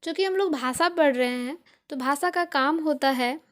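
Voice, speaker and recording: A young woman with an Indian accent teaches English grammar in an online lesson. Her high, slightly bright voice moves slowly and patiently, restating each point several ways with everyday examples.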